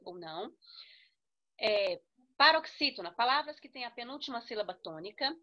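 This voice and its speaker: A Brazilian woman with a bright, slightly high voice leads a grammar lesson, leaning on each stressed syllable and asking "right?" as she goes. The recording sounds dull and lo-fi. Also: lively intonation, normal speed. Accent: Brazilian Portuguese. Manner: instructive, with frequent check-ins and spelled-out syllables. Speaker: teacher.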